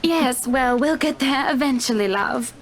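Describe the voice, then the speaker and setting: A woman plays a wealthy, pushy house buyer in a visual novel, her voice sitting high and moving a little slowly. She gushes and sounds imperious, condescendingly polite and effusive, calling people by endearments.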